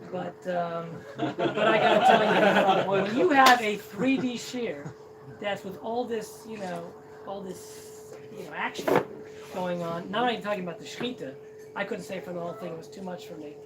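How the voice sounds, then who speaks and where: A middle-aged man from Cincinnati, Ohio, speaks at a celebration, telling a funny personal story in a self-deprecating, joking way and often restarting his sentences. His voice is high-pitched and his pace moderate. He is miked from a distance in a noisy hall, with loud noise behind him.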